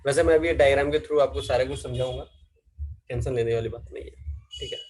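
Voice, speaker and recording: A man teaching a class, asking questions and then answering them himself, slow and drawn out when dictating definitions, mixing Hindi with English terms. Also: mid-range voice, a little mellow, breathy edge, poor audio. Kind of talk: classroom lecture.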